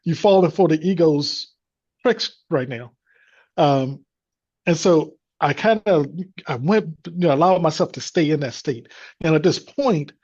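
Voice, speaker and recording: A man's voice: a little high, a little mellow, dull audio. A man telling a personal faith story as a guest, in an earnest, devout manner. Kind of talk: personal testimony.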